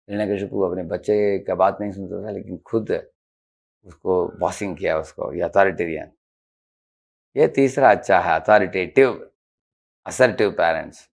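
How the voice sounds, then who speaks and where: A man's voice: low voice, creaky, a little mellow. A man giving a conversational devotional lecture, explaining slides and dropping English terms into his talk. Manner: conversational, mixes English terms into Hindi, frequent "haan" fillers; explains slides and acts out short quoted examples. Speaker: spiritual teacher giving a lecture. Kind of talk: devotional lecture on assertive speech.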